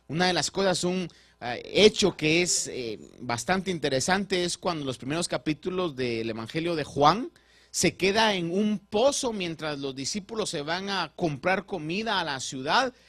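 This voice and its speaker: Lively, bright-voiced male preacher. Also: fairly high pitch, moderate pace. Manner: preaching with wide swings between loud and soft; addresses the congregation with rhetorical questions. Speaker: pastor. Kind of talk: sermon.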